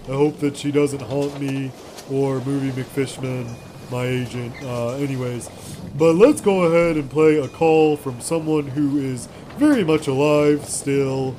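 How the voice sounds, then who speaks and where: A man's voice: medium pitch, mellow, a little hiss or hum, rough recording. A man hosting a comedy podcast, ranting in character in a profane, repetitive, exasperated way. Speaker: podcast host.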